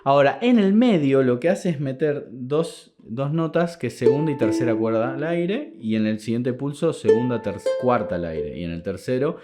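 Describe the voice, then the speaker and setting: A man's voice: mid-range voice, expressive, normal speed, few pauses, music in the background. A man teaching a step-by-step charango lesson, counting beats aloud and singing the rhythm as he explains. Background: plucked charango.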